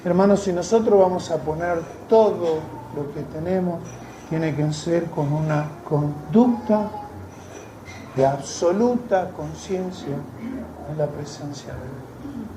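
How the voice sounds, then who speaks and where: A man's voice: fairly high pitch, takes it slowly. A man with an Argentine accent who preaches a conversational sermon in a church, with sarcastic asides. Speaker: missionary preacher. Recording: echoey church room, faint noise.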